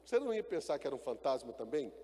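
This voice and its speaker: A man's voice: medium pitch, very animated, racing, dark tone, husky, long reverb tail. A male pastor preaching a sermon, calling out to the congregation and building to emphatic bursts. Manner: preaching with call-and-response and rising emphatic bursts.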